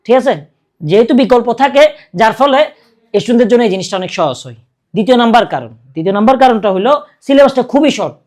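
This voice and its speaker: A man's voice: very high-pitched, animated, fast talker, a little mellow. A young man teaching a casual exam-prep video lesson. He keeps checking in with his students and answers his own questions in a coaxing, friendly way.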